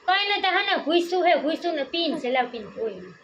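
Chatty young mother, high voice, noisy home recording. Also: big pitch swings, brisk. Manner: chatty, doting, talks to her small daughter. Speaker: family vlogger, mother. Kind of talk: casual home vlog chat. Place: home, indoors. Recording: dull muffled home audio with loud background noise.

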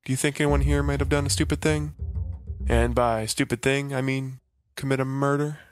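A man playing a private investigator, narrating in a hard-boiled comic style and reacting with deadpan exasperation. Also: medium pitch, moderate pace, faint music behind, close to an everyday voice.

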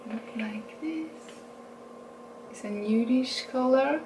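A Norwegian woman in her forties chats in Norwegian-accented English through a makeup haul as a beauty vlogger, unhurried and self-correcting, laughing at her own English. Her voice is high, picked up by a distant camera mic in a small indoor room, so the sound is roomy with a steady background hiss.

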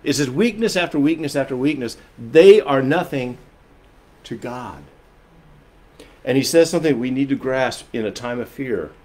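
A man preaching a sermon as pastor, earnest and emphatic, swinging between loud and soft and often repeating phrases as he explains. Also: medium pitch, expressive, moderate pace.

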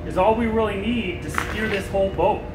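An older man talks through a hands-on job in an easygoing, step-by-step way, his voice sitting a little high. He was recorded on a camera mic inside a big storage shed, and at times he moves away from it. A steady hum of air conditioning runs clearly underneath. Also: fairly quick. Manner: relaxed, explains step by step while working. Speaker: sailing vlogger. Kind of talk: hands-on how-to demonstration. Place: large boat storage shed, indoors.

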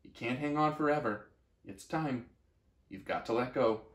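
A man voicing a loving, steady mother oak tree who speaks softly and reassuringly. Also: medium pitch, normal speed, reverberant, distant mic, natural voice. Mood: tender. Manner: soft, reassuring.

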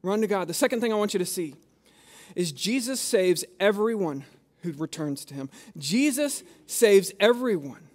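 A pastor with a high voice delivers a sermon. He preaches conversationally, slipping in jokes and restarting his sentences as he goes. He sounds middle-aged. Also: lively intonation, moderate pace.

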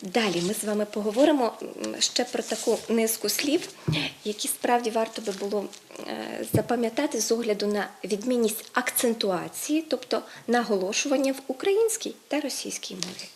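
Creaky-voiced woman explaining word stress. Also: a little high, expressive, a little fast, a little hiss or hum. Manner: explanatory, stresses example words, frequent hesitation fillers. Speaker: language presenter. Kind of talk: educational talk on Ukrainian word stress.

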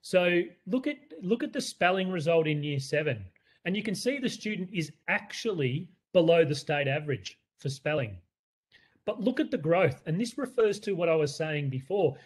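A man's voice: fairly high pitch, lively intonation, moderate pace, husky. Earnest Australian man presenting. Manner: earnest and conversational, with frequent fillers and restarts. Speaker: school leader. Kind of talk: presenting to parents.

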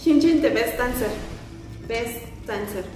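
A woman's voice: on the high side, takes it slowly, darkish tone. A woman dance coach talking over a video she is reacting to, gasping, laughing and stopping to rewatch. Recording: roomy echo with music playing behind. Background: pop music from the video.

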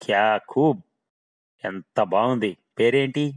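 A brash, boastful boss who scoffs at everything around him and keeps peppering his talk with English. He is loud and pushy, a little higher than a plain speaking voice, as a man storyteller puts him on. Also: slow.

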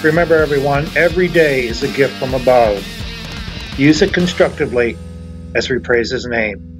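Outdoors in the snow, a middle-aged man talks at a moderate pace in a mid-range voice while music plays in the background. He's an urban explorer vlogger casually narrating a walk around an abandoned motel, chatty and enthusiastic with wandering asides, addressing a handheld camera at arm's length.

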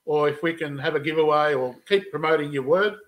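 A man's voice: on the high side, fairly quick. A middle-aged man co-hosting a casual show, chatty and joking, with restarts. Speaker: podcast co-host. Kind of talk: casual chat. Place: studio room, then wood workshop.

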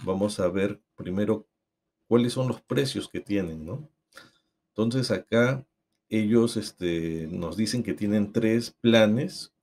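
Calm male tutorial narrator, lowish voice. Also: takes it slowly. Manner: calm, explanatory. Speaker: tutorial host.

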